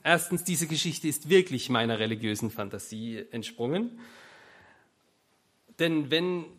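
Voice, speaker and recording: A man's voice: mid-range voice, lively intonation, unhurried, fairly bright tone. A man preaching a sermon, telling stories in an emphatic, wry manner.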